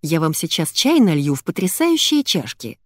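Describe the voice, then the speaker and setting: A woman voicing a bossy, energetic young woman who scolds and gives orders. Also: low voice, no echo, studio quality, heavily acted. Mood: chirpy. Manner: brisk, commanding, scolding.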